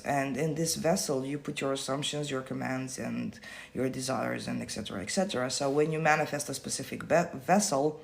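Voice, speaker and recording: With a creaky, medium-pitched voice, the manifestation coach coaches his livestream audience by phone, answering comments bluntly and casually. He swears freely and says things more than once to drive them home.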